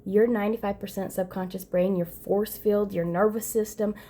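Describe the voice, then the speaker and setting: A woman's voice: mid-range voice, steady tone, moderate pace, warm tone. A woman giving an earnest, emphatic self-help monologue, often repeating phrases and restarting her sentences. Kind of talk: motivational monologue to camera.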